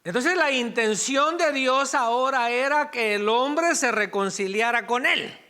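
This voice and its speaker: A male pastor delivers a Sunday sermon in a relaxed, conversational way, stopping for asides and fixing his own slips. His voice sits high and sounds bright and forceful, and he takes his time over every phrase. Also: a little slow. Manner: conversational preaching, asides and self-corrections.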